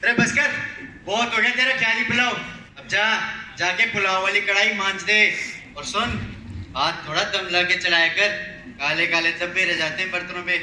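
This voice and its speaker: A bossy, stingy middle-aged shopkeeper, played by a man who scolds and blusters. His voice sits fairly high and sounds very forceful and bright. It rings in an echoey stage hall. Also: fairly even intonation, normal speed, slight background noise. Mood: scolding. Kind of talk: stage play acting.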